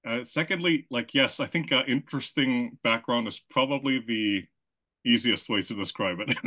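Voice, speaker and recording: Here a man talks at normal speed with a medium pitch and a pushed, bright quality. He is a marketing consultant being interviewed as a guest; originally from Austria, he spent his upbringing in the Philippines, and his lengthy, explanatory answers are full of restarts and "right?" tags.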